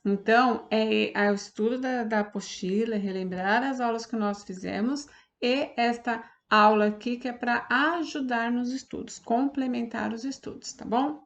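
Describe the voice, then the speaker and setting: Woman, Brazilian Portuguese accent, teacher, patient step-by-step explaining, slightly high voice. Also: normal speed, dull audio. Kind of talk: online class lesson.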